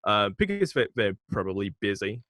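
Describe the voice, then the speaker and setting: A man's voice: fairly low pitch, sing-song, normal speed, fairly bright tone, no room sound. A man, a podcast guest talking frankly and casually about his marketing work, laughing and swearing now and then. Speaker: podcast guest, agency founder.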